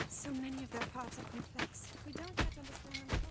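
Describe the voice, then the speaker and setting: An actress playing an earnest, dutiful young princess in a video game, formal and anxious. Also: female voice, high-pitched, fairly even intonation, brisk, heavy background noise, lightly acted. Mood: studious. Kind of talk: video game cutscene acting. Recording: loud music over the voice.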